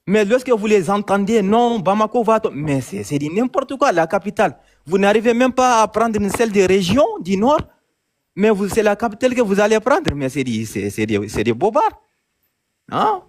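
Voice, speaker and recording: A man from Mali calling in, talking insistently with many hesitations and repetitions. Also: sits high. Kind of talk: casual chat, phone-in debate.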